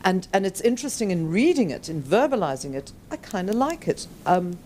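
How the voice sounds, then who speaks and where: A woman author talking at a live bookshop event, chatty and self-mocking with animated asides. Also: medium pitch, fairly quick, slight background noise. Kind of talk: live book discussion.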